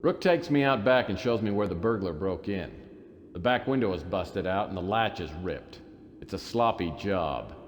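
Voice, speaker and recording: A man's voice: sits low, expressive, normal speed, big-room sound, a little hiss or hum. An actor playing a wisecracking hard-boiled male detective, narrating in a dry, sardonic noir style. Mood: wry. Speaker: game narrator and lead character. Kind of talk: 1990s game voice acting.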